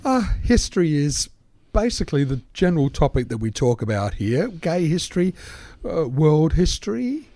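An older Australian man with a croaky, froggy voice, chatting casually as co-host of a radio show. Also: on the high side, sing-song, moderate pace, dark tone, no echo. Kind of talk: casual chat.

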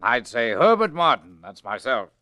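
A man's voice: mid-range voice, big pitch swings, moderate pace, sharp tone, no room sound, clean studio sound. An actor playing a proud, cheerful middle-aged father in a 1940s radio drama. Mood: jovial.

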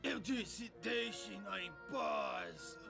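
An actor playing a grumpy, weary superhero aged into a creaky-voiced old man, in a dubbed cartoon. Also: sits high, very slow, heavily acted. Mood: indignant, grumpy. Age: older. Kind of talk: dubbed animated series acting. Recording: loud music behind the voice.

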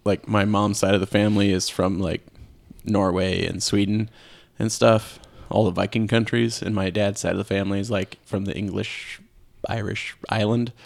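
A man's voice: fairly low pitch, little pitch movement, normal speed, vocal fry, no room sound. A man co-hosting a podcast, rambling casually with wry humor. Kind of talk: casual banter.

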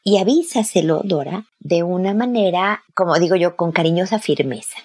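Husky lady giving parenting advice, kinda low voice, talks straight to the listener. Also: lively intonation, moderate pace, darkish tone. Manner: direct and explanatory, addresses the listener by name, acts out sample dialogues. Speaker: parenting advisor answering a listener. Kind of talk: advice talk addressed to one listener.

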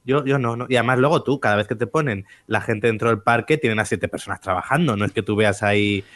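A man's voice: lowish voice, fast talker, fairly bright tone, dry recording. Skeptical man in casual chat. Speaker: podcast co-host.

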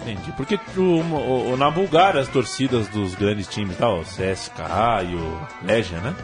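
A man hosting a casual football talk show, reading items aloud in a relaxed way. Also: fairly low pitch, normal speed, over music. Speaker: podcast host. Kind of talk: casual chat.

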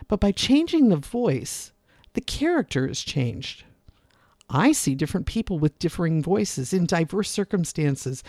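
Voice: mid-range voice, dry recording, clean studio sound. A public speaking teacher giving a scripted lesson, shifting tone often to demonstrate points. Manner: expressive, varies voice to demonstrate points. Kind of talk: scripted instructional narration.

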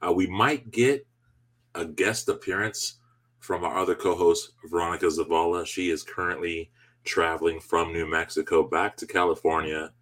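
A man with a deep voice hosts a sports podcast. He speaks conversationally, as someone steering a discussion with a co-host. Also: fairly even intonation, moderate pace, fairly bright tone. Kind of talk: conversational sports show hosting.

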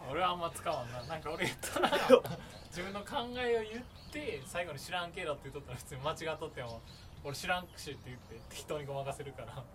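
A young man with a Kansai accent chatting casually, joking in a relaxed, offhand way. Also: fairly high pitch, fast talker, background noise. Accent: Kansai Japanese. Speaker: conversation partner. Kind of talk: casual chat. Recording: birds chirping clearly behind. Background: birdsong.

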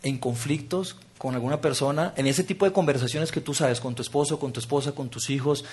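A man preaching a sermon, engaging the audience with exercises and dropping to a soft, intimate tone for key points. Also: medium pitch, brisk, husky.

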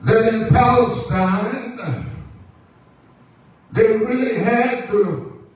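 A pastor preaching a sermon, stretching his phrases in a drawn-out cadence that swells on key words. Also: sits high. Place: church sanctuary. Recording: very echoey church recorded from a distance.

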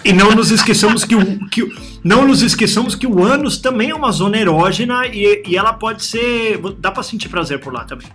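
High-voiced joking man. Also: a little fast, faint music behind. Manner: animated joking storyteller, heavy slang. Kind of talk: casual chat.

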